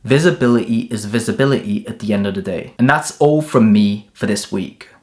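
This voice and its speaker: A young man of Turkish birth and English upbringing gives a direct, motivating self-help talk from a script, laid out in short punchy lists. His voice is lowish and fairly quick.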